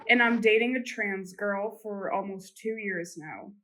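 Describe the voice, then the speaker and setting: A woman's voice: mid-range voice, a little slow, a bit bright, slight background noise, poor audio. Casual woman podcast host reading posts. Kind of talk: casual group chat, reading posts aloud.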